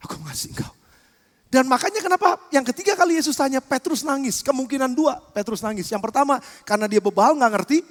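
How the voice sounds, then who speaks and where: A man preaching a sermon as pastor, animated, swinging between shouting and quiet acted-out dialogue. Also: very high voice, fast, hardly any pauses, big-room sound.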